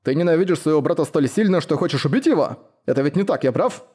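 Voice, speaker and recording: A man's voice: on the high side, animated, fast talker, darkish tone, slightly rough. A man voicing a bold, blunt young male retainer who argues earnestly. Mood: pleading.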